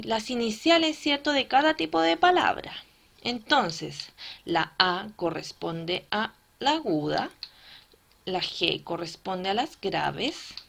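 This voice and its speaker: A woman teacher gives a recorded lesson at a slow, unhurried pace. Her voice sits a little high, and she explains each point step by step, checking in with quick tag questions as she goes.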